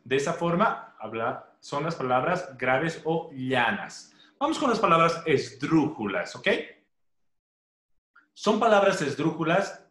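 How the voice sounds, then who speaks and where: A male teacher giving a primary school lesson, speaking slowly and deliberately, repeating words and checking in with short questions. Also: medium pitch, a bit bright. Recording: echoey room.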